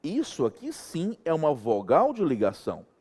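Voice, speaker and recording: A man's voice: on the high side, moderate pace, breathy edge. A middle-aged Brazilian man teaching a Portuguese grammar lesson, checking in with the students again and again. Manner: animated, checks in with students often.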